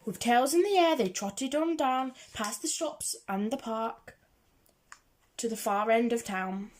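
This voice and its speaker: Here a woman with a voice on the high side reads a rhyming children's picture book a little slowly. She keeps a rhythmic, singsong cadence throughout the storybook read-aloud.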